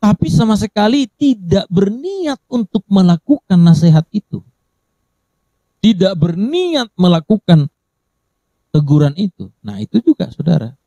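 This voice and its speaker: A man preaching a sermon as pastor, emphatic, repeating phrases and slowing down on key words. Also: sits high, big pitch swings, vocal fry, mellow, dry recording. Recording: dull lo-fi recording.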